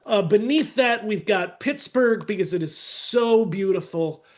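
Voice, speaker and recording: A middle-aged man with a high voice tells stories in a casual, animated way as a podcast guest. He keeps slipping into little voices for the people in his anecdotes. It is relaxed, unscripted talk. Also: a little slow. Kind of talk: casual storytelling.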